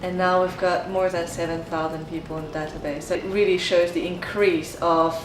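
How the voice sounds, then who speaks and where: Lowish-voiced woman in an echoey room. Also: level tone, a little fast. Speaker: project manager. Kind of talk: informal interview testimony. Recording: echoey room, clear background noise.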